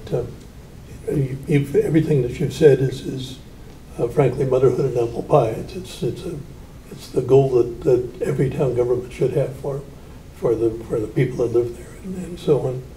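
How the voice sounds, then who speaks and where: A man with a thin, reedy, squeaky voice and a very dark tone speaks at a board meeting. He is halting and repeats words as he goes. The recording is echoey, picked up from a distance. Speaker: board member. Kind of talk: hesitant meeting discussion. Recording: roomy, distant mic, faint noise.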